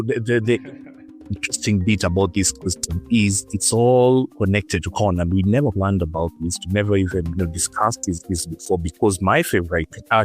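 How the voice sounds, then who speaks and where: Low-voiced male podcast host. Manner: relaxed, many fillers and repeats. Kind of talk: casual interview chat.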